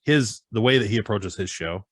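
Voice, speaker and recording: A man's voice: lowish voice, brisk, no room sound, studio quality. A man guesting on a podcast over a video call, talking bluntly and swearing freely. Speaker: podcast guest and co-host of a motorsports show. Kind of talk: casual chat.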